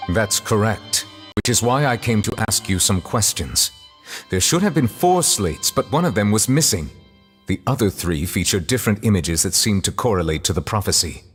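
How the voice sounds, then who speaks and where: Lowish, expressive and edged with breath, the actor's voice carries a stern chief justice in a game. Soft music plays as the dignified judge questions in a grave, measured, formal way.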